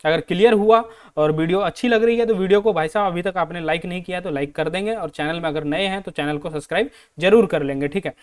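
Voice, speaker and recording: An Indian man with a Hindi accent, teaching an exam-prep lesson in Hindi and English. He asks his own questions and answers them, and reads the English sentences out slowly. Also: sits high, clean tone. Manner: repeats questions to students and answers them himself.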